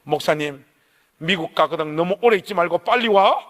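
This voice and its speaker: A male pastor quoting a humble, devoted security guard in a lower, softer voice. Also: normal speed, in a large hall, lightly acted. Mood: tender. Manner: plain, pleading, affectionate.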